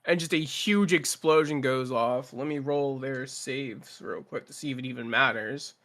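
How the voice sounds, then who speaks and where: A man's voice: medium pitch, normal speed, fairly bright tone. A man running a tabletop game as game master, narrating in a casual, joking way. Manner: casual, laughing, swearing.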